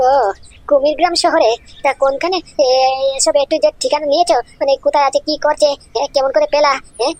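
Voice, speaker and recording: A woman acts out an impatient boss who demands answers. The voice is high and quick, and the sound is dry and close. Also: steady tone, a little mellow, no echo, natural voice.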